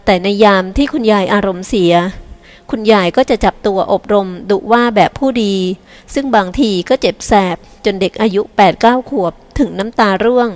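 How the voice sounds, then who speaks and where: A woman reading an audiobook novel aloud in slow, measured narration. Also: mid-range voice. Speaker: audiobook reader. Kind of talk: scripted narration.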